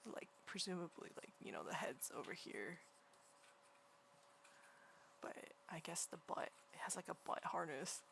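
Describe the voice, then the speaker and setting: Soft-spoken woman streamer, gravelly low voice. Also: animated, measured pace, long pauses, a little hiss or hum. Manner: speaking quietly in a soft near-whisper; chatty, rambling with many restarts. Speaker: livestreaming artist. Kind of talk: casual chat while drawing. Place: home room beside a partner who is gaming.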